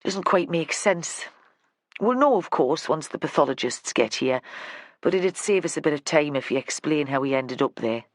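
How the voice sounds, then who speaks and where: Brief: reader voicing middle-aged detective woman, gruff, plain-spoken, dry-witted. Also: low voice, expressive, moderate pace, no room sound. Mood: probing. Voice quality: gruff, matter-of-fact.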